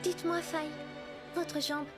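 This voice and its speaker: Very high-voiced, sweet girl. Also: level tone, takes it slowly, music in the background. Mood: caring, cheerful. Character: sweet, caring, eager teenage girl. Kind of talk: anime dub acting.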